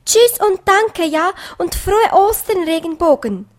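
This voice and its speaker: A woman's voice: animated, measured pace, a little mellow. A woman voicing a small, eager bunny boy in a storybook reading. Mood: excited. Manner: high, eager and wide-eyed.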